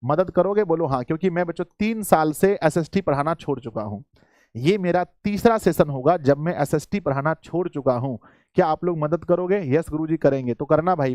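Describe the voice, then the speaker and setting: Coaxing male teacher, fairly high voice. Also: a little mellow, no echo, studio quality. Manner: coaxing, repetitive, addresses students as children. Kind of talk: live online exam-prep class.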